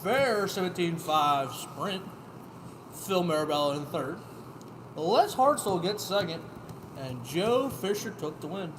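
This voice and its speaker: A man's voice: high-pitched, animated, slow, noisy background. A man hosting a casual podcast, reading out race results and joking with the others. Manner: joking, laughs through results. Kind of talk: casual banter.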